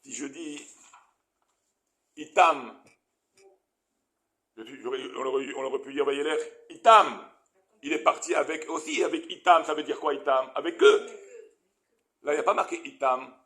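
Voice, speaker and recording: Explaining Hebrew terms and quizzing his audience, a male rabbi delivers a lively Torah lesson in a bright, forceful voice pitched a little high for a man. He talks at normal speed but pauses often.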